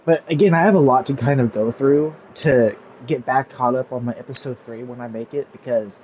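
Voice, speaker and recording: Talking fairly quickly in a slightly mellow, mid-pitched voice, a man walks viewers through a game in casual YouTube tutorial commentary. He wanders off topic, fills gaps with filler words, and says his voice is going. Audio quality is poor, with some hiss or hum.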